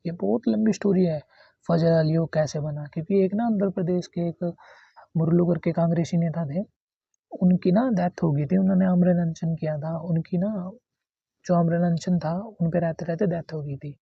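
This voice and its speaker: Gravelly-voiced man teaching a history lesson. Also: fairly high pitch, steady tone, moderate pace, no echo, highs cut off. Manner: repetitive, explanatory, conversational. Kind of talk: exam-prep history lesson.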